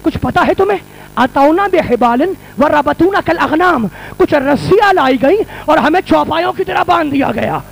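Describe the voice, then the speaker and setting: A man preaching a fervent mourning sermon in a mosque hall, his voice pitched strikingly high and edged with gravelly fry. He drives his points home by repeating each phrase, pressing the crowd toward tears. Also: expressive, hardly any pauses, slight background noise. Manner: repeats phrases for emphasis, builds to cries. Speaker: religious scholar addressing mourners.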